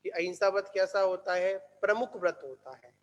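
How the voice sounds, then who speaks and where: A man giving a religious discourse who asks the listeners questions and answers them himself, repeating key words slowly. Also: high voice, steady tone, lo-fi sound. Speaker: Jain monk teacher. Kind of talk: scriptural discourse. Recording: echoey hall.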